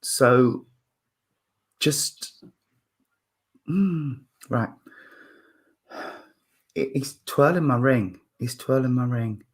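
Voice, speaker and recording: In a husky, mid-range voice, a fifty-something man works through a spiritualist mediumship reading. He speaks haltingly as he thinks aloud, with many fillers and restarts.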